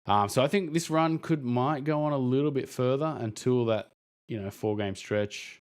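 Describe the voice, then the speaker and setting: A man's voice: medium pitch, moderate pace, clear, resonant tone. A man co-hosting a podcast, in rambling casual sports chat, acting out what he'd say to players. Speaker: podcast co-host.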